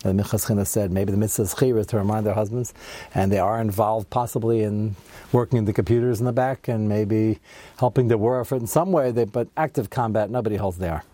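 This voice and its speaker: A man's voice: on the low side, fairly even intonation, fast, warm tone, dry recording. A man teaching a Torah study class, talking conversationally and acting out people's excuses in a raised voice.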